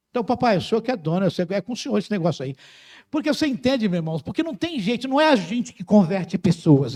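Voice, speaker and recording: A middle-aged Brazilian pastor preaching a sermon with passion, rising to loud cries and dropping to quiet, close words. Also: male voice, high-pitched. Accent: Brazilian Portuguese. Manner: impassioned preaching, swings from loud to soft.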